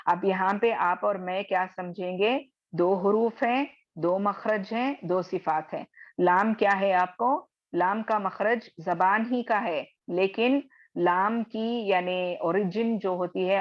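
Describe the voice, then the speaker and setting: A woman teaching a recitation class over a video call, patiently explaining and slowly repeating each example. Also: medium pitch, highs cut off. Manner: slow drawn-out recitation of examples. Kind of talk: online class lesson.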